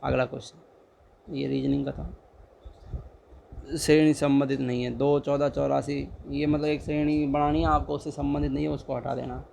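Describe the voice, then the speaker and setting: A man's voice: mid-range voice, little pitch movement, normal speed, vocal fry, a little mellow, a little hiss or hum. A young man tutoring exam questions in a casual, chatty way, repeating each answer and urging viewers to like and subscribe. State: dry throat.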